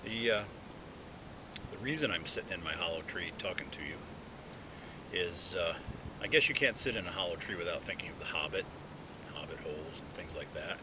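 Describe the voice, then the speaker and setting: A man chatting casually and reflectively to viewers outdoors, in a halting way, talking around a pipe in his mouth. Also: lively intonation. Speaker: pipe smoking video blogger. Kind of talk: casual solo chat to viewers. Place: outdoors, sitting inside a hollow tree. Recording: noisy outdoor recording with low rumble.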